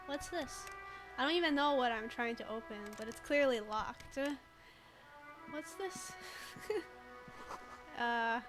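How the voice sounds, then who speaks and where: Bright, giggly woman streamer. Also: fairly high pitch, expressive, takes it slowly, pauses often, faint music behind. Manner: playful, giggly, reads game text aloud. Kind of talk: casual let's play commentary.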